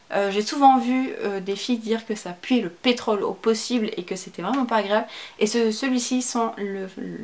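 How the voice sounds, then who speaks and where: A young woman chatting casually through a make-up favorites review, full of fillers and casual slang. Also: a little high. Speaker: beauty vlogger.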